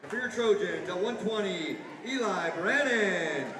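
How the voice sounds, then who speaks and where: High-voiced man over a gym PA. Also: animated, measured pace, noisy background. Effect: over a PA system. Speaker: public address announcer. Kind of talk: gym announcements. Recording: echoey gym PA heard from far off, crowd.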